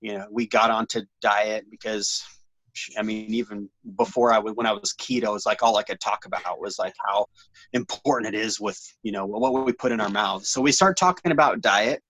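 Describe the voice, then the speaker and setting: A man in his forties telling his story as an interview guest, animated and slangy, rambling with lots of restarts. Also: fairly low pitch, normal speed, dry recording. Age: 40s.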